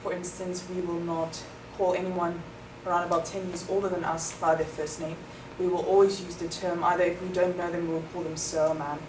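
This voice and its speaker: Speaking a little fast with hardly any pauses and little pitch movement, a low-voiced young South African woman, an international student whose first language is Afrikaans, answers interview questions. She is thoughtful and explanatory, with many ums, and the recording is noisy and echoey, made far from the mic.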